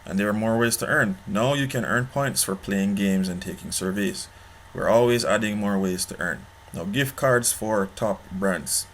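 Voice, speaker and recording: A man with a somewhat low voice hosts an informal review of a money-making app. He speaks casually, circles back to the same points, and keeps asking the viewer "okay?" as he goes. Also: normal speed, a bit bright, slight background noise. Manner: pitchy, repeats himself, asks "okay?" often. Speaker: online money-making channel host.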